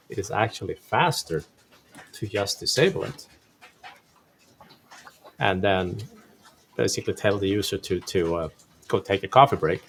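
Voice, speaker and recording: A man giving a casual, informal technical explanation on a live stream. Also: deep voice. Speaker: tech presenter on a live stream. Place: live stream during a thunderstorm. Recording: clearly noisy live-stream connection.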